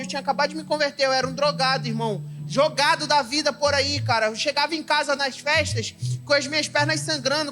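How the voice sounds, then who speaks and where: Fervent young Brazilian evangelist, bright voice. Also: male voice, very high-pitched. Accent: Brazilian Portuguese. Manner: fervent, shifting between loud exclaiming and soft confiding, calls listeners "irmão". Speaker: evangelist preacher. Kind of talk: emotional sermon with personal testimony. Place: church service.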